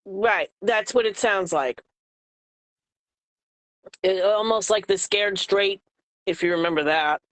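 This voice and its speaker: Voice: medium pitch, slow pace, pauses often, fairly bright tone. A podcast co-host in casual chat, talking easily while snacking and laughing often.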